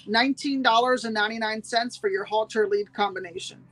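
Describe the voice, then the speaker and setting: A woman's voice: on the high side, a little fast, fairly bright tone, poor audio. A woman hosting a live-streamed sale, chatting with viewers and repeating every price twice. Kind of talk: live-streamed sales pitch.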